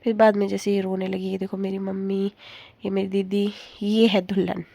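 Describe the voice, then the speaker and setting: A woman's voice: mid-range voice, level tone, normal speed, gravelly, dark tone, no room sound. A young woman narrating her day for her vlog in a chatty, rambling way, laughing now and then. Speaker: vlogger.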